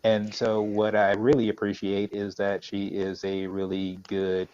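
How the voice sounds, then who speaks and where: A man's voice: lowish voice, monotone, unhurried, dark tone, clean tone, lo-fi sound. A man guest talking casually and emphatically in a chat. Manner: enthusiastic, emphatic praise.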